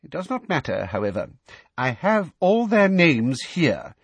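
A man's voice: on the high side, big pitch swings, measured pace, slightly rough, no room sound, dull audio, voice pushed up, exaggerated voice. A man voicing a cruel middle-aged woman official who talks in a falsely sweet, coaxing way. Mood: flustered.

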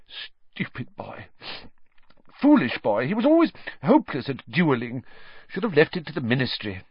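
A man's voice: medium pitch, big pitch swings, normal speed, no room sound, lo-fi sound, pitched above the performer's own voice. A man reading an audiobook and voicing a stern older female professor with a clipped, scolding manner.

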